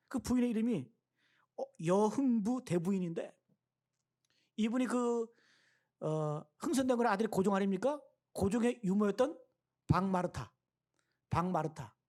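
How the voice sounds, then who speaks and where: A middle-aged man preaching a sermon as a pastor in a church, emphatic, questioning the congregation and rising, then dropping low. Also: dark tone. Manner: voices prayers and quoted speech. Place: church sanctuary.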